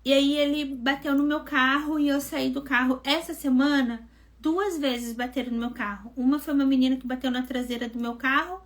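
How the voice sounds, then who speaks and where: A woman mentor hosting a live devotional, telling a personal testimony in a lively, conversational way and acting out what people said. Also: high voice, normal speed. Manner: animated storytelling, acting out quoted dialogue; conversational, addresses listeners as gente.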